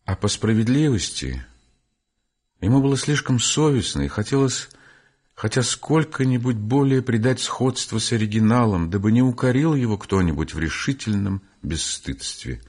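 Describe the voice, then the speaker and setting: A man narrating an audiobook of classic literature in a measured, unhurried storytelling manner. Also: lowish voice, lively intonation, a little mellow, husky.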